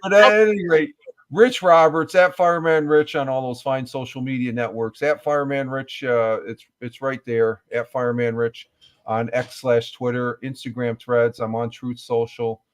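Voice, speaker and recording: A man's voice: mid-range voice, fairly even intonation, normal speed. Rambling man signing off as a guest. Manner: rambling, many fillers and restarts. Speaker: podcast guest. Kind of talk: casual chat.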